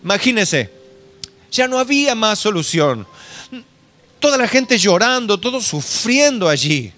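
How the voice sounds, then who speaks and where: A man's voice: high voice, sing-song, measured pace, bright, forceful tone. A male pastor with an Argentine accent giving an earnest sermon and often calling his listeners brother. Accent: Argentine Spanish.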